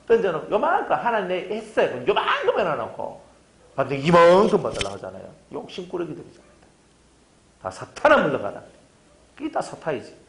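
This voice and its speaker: Fervent preacher with a lively voice. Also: male voice, a little high, a little hiss or hum. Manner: fervent, hammering rhetorical questions. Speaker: pastor. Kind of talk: sermon.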